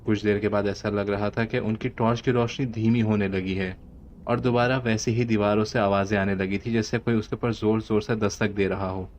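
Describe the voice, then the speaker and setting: A man with a Pakistani Urdu accent narrating a horror story in a steady storytelling voice. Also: lowish voice, fairly quick. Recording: dull lo-fi audio with faint hiss.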